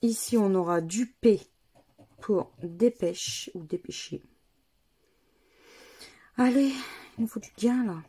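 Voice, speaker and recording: Slow, methodical woman vlogger. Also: mid-range voice, dark tone, husky. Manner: methodical, spells out letters and numbers one by one. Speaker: scratch-card vlogger. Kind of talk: casual commentary while playing scratch games.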